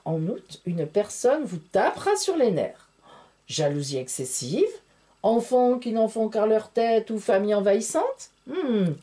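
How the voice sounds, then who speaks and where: A woman doing a tarot reading straight to camera, drawn out and unhurried. Her pitch swings widely as she turns theatrical and full of exclamations, and her tone is mellow and warm. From France. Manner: theatrical, exclamatory, addresses viewers as friends. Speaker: tarot reader.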